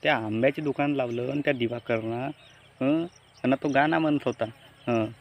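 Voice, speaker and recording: A man's voice: mid-range voice, a little fast, slight background noise. A man with a Vidarbha Marathi accent narrating a village cartoon and addressing viewers directly.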